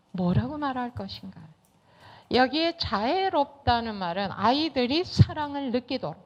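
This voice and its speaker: A woman giving a lecture to teachers, acting out little dialogues between children, parents and teachers in an animated way. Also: high-pitched. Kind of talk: lecture with acted-out dialogue examples. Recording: dull lo-fi lecture recording.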